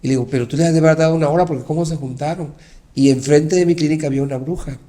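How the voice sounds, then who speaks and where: A man's voice: on the high side, rapid-fire. A middle-aged pastor, a man, telling his personal testimony in an interview and acting out the dialogue as he goes. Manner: animated storytelling, acting out dialogue.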